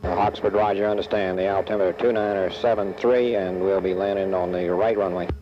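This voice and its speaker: A man's voice: deep voice, a little fast. A man flying a jet, talking through an oxygen mask microphone over the radio in clipped, terse radio procedure. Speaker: military jet pilot. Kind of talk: radio calls to air traffic control. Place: jet cockpit in flight. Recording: muffled cockpit radio recording with steady noise.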